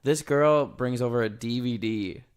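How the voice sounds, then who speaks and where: A man's voice: mid-range voice, unhurried, clear, resonant tone. A young man co-hosting a podcast, telling a story in a laid-back way and laughing often. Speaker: podcast co-host. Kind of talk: casual chat.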